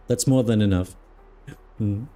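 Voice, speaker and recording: A German flight sim streamer and air traffic control mentor chats casually with his live stream viewers in English, his second language. His fairly low, mellow voice often pauses to search for words, and he restarts sentences.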